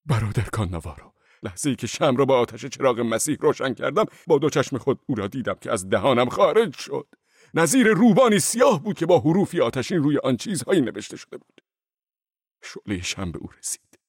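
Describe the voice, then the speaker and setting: A fervent fugitive monk in a storybook drama, played by a man, his husky voice leaping from ecstatic cries to fearful whispers. The recording is dry and close. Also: mid-range voice, very animated, no room sound. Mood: whispering, awed. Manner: fervent, swinging between shouts and hushed whispers. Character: frantic fugitive monk, wild-eyed and fervent. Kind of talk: audiobook drama acting.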